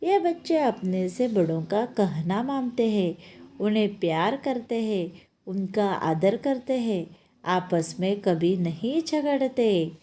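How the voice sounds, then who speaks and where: Woman storyteller, children's story, slow, lively, mellow voice. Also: mid-range voice, slight background noise. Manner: expressive, unhurried.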